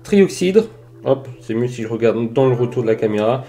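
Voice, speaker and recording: Male vlogger, mid-pitch, chatty and enthusiastic with lots of fillers, desk mic, faint music bed. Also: expressive, moderate pace, mellow. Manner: enthusiastic, many fillers and "voilà". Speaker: YouTuber showing flea-market finds. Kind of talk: casual collector vlog. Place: indoors under filming lamps. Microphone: desk microphone near camera.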